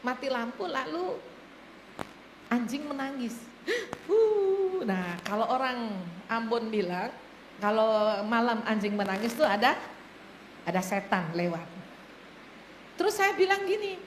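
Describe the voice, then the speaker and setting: A woman pastor preaching a sermon, telling stories in an animated way and often laughing as she addresses the congregation. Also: fairly high pitch, a little slow, long pauses. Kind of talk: sermon with storytelling. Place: church hall. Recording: echoey church hall, faint noise.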